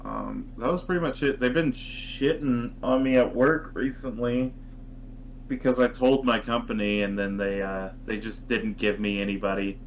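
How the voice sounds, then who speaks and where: A man's voice: mid-range voice, fairly even intonation, moderate pace. A man co-hosting a podcast, griping casually and profanely about his work. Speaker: podcast co-host. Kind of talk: casual chat. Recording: dull mic with faint hum.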